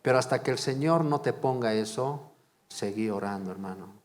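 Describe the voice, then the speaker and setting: A man's voice: mid-range voice, moderate pace, long reverb tail. A man preaching a sermon as pastor, fervent and repetitive, asking the congregation question after question. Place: church.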